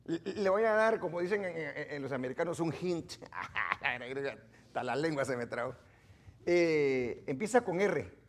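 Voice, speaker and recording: Male preacher, high and very expressive, teasing questions to the congregation, sermon in a church. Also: a little slow. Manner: quizzes the congregation, joking and exclaiming. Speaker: pastor. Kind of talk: interactive Bible teaching sermon.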